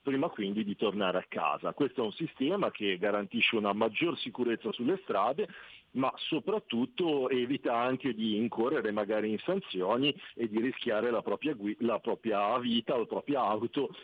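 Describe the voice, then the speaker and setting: Man, over the phone, city official, steady explaining tone, tinny dry line. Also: mid-range voice, normal speed, no room sound. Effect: heard over the phone. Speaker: city councillor phoning in as a guest. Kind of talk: phone-in radio interview.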